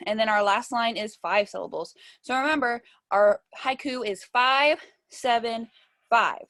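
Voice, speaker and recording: A young woman teaching a virtual music lesson, patiently explaining step by step and sounding words out slowly. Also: a little high, a bit bright, no room sound.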